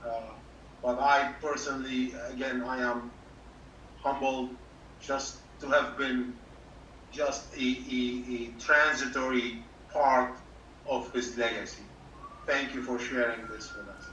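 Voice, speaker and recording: A man, a doctor, speaking sincerely but haltingly on a video call, with many pauses and filler words. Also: medium pitch, level tone, pushed and bright. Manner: halting, full of uh's, formal and sincere. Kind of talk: thanking a guest on a video call. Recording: muffled, distant, echoey room with faint hum.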